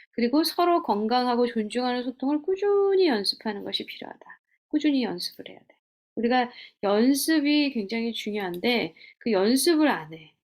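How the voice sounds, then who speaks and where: Gravelly-voiced woman teaching gently. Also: fairly high pitch. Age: middle-aged. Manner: gentle, coaching, asks rhetorical questions. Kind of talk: teaching lecture on communication.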